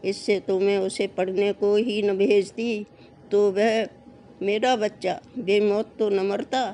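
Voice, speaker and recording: A storyteller voicing a harsh, short-tempered mother, speaking louder and a little higher than the narration. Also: steady tone, takes it slowly, slight background noise, natural voice. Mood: wailing. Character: harsh, scolding mother, later grieving.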